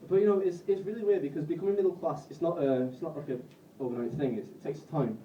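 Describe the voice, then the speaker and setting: A Northern English comedian in his twenties from Bolton, England, does a live stand-up set on a comedy club stage, self-deprecating and halting, with frequent swearing. His voice is fairly high. The recording is roomy, distant, and muffled, with a little hiss or hum.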